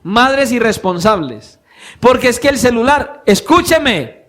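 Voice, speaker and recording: A male pastor preaching a sermon, asking his congregation pointed questions and moving between soft, low lines and louder emphatic ones. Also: sing-song, unhurried. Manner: questions the congregation directly, swinging from soft to loud.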